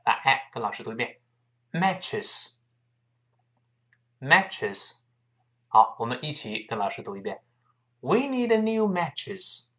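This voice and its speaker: An English pronunciation teacher, patiently explaining sounds and slowly repeating example words. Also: mid-range voice, fairly bright tone. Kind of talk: spoken language lesson.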